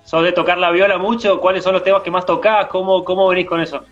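A man's voice: sits high, little pitch movement, quick pace, fairly bright tone, highs cut off, soft background music. A man with an Argentine accent hosting a casual online interview, chatty and laid-back, full of slang, on a video call. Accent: Argentine Spanish. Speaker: host.

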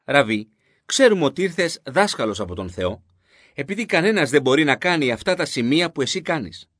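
A respectful male religious leader asks his questions earnestly, voiced by a man reading with a lively, fairly high voice. The sound is close and dry, as in a scripted Bible reading. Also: no room sound.

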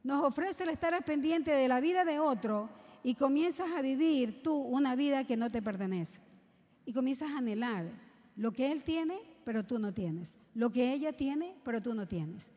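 High-voiced woman preaching. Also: animated, normal speed, mellow. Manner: rhetorical questions to the congregation. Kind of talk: sermon to young people. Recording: long hall reverb.

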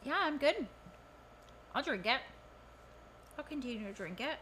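A woman's voice: high voice, expressive, measured pace, noisy background. A woman co-hosting a podcast in casual, blunt, sweary banter. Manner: blunt, informal. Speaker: podcast co-host.

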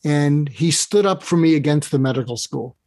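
A man talks as a podcast guest in a fairly high voice, earnestly walking the listener through an exercise. He often repeats words as he restarts his phrases. The sound is dry and close. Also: normal speed, a little mellow, dry recording. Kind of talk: casual interview talk.

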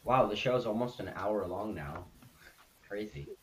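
A man's voice: fairly low pitch, unhurried, a bit bright, slightly rough, low-quality recording. A man co-hosting a casual live stream, joking and reading chat aloud. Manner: jokey, reads chat aloud. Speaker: streamer co-host.

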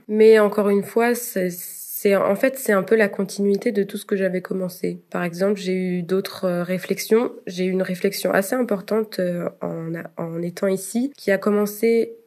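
A young woman speaks in a slightly low voice, pausing often and restarting her sentences as she thinks aloud. Her answers are reflective and unhurried, with soft laughs between thoughts. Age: young adult. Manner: hesitant, many fillers and restarts, laughs softly. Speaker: interviewee.

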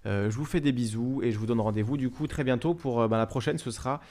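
A man hosts a live stream and talks casually to his viewers. He reads their messages out loud and answers them. His voice sits at a middling pitch, and he speaks haltingly, with lots of fillers and false starts. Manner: halting, many fillers and restarts. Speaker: livestream host.

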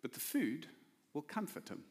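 A man's voice: a little high, sing-song, normal speed. A man preaching a sermon as a pastor, in an emphatic, conversational way full of rhetorical questions. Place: church hall. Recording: preaching in a large reverberant hall.

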